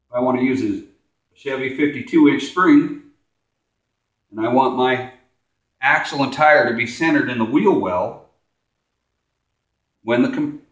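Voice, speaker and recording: A middle-aged man hosting a casual how-to demonstration in a garage workshop, plain-spoken and practical, repeating phrases as he works. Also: mid-range voice. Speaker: host. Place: large garage workshop, indoors. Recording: echoey garage.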